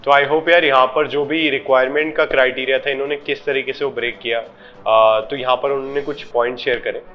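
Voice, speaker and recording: A man's voice: medium pitch, fairly even intonation, a little fast, muffled recording. Man, interview host, talks to viewers, faint background music. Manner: addresses viewers directly, mixes English into Hindi. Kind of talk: interview questions.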